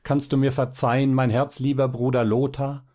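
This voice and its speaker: A man's voice: medium pitch, flat delivery, normal speed, darkish tone, voice pushed up, close to an everyday voice. A man reading aloud and voicing a passionate, overwrought young man in a storybook. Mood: imploring. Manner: impassioned, imploring.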